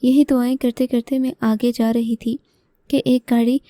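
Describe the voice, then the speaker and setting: A woman narrates a first-person story in a steady, measured manner. Her voice sits fairly high but stays flat, with a very dark, mellow tone. The recording is dry and close. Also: no room sound.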